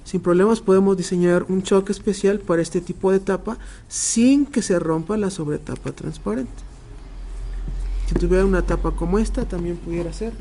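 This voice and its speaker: A man's voice: sits high, moderate pace, mellow, slight background noise. A man demonstrating a machine to clients, explaining step by step with frequent hesitant fillers and restarts.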